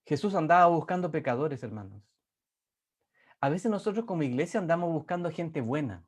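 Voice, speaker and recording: A man's voice: a little high, animated. Emphatic male preacher, repeating for emphasis. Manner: repeats words for emphasis, rising and slowing on key phrases; reads scripture aloud within the preaching. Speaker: pastor. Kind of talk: sermon.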